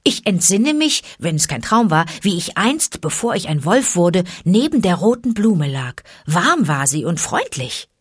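A woman's voice: fairly low pitch, very animated, unhurried, few pauses, slightly rough, dry recording, clean studio sound, full character voice. A woman voicing a bold, defiant boy raised by wolves in a storybook reading. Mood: eager. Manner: crying out defiantly.

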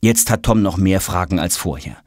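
A man narrating a children's audiobook in an expressive storytelling manner. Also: sits low, moderate pace, no room sound, studio quality.

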